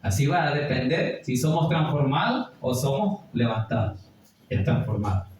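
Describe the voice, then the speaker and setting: A man preaching a Bible study sermon, slowing and rising high as he reads scripture aloud. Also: big pitch swings, a little mellow, slight background noise. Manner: rises sharply when reading scripture aloud, slow emphatic phrasing. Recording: echoey room, far from the mic.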